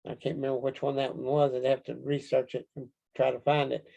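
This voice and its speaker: A man with a Kentucky accent answering interview questions casually, in a folksy, halting storytelling way. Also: mid-range voice, flat delivery, creaky, warm tone, lo-fi sound. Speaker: interview guest, Bigfoot researcher.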